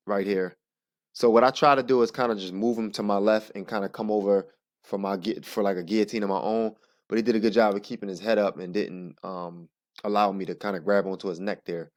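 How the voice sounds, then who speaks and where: A man narrating sparring footage in a casual, halting play-by-play, thinking aloud as he explains each move. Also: lowish voice, a little mellow. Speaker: jiu-jitsu practitioner narrating own sparring footage.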